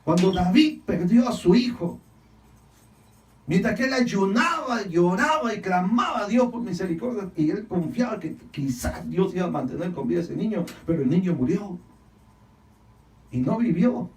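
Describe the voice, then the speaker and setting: A male pastor preaching a sermon, swinging from loud, emphatic lines to hushed ones, repeating phrases and calling on the congregation to answer. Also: high-pitched, animated, normal speed, roomy sound, distant mic, rough recording. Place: church hall.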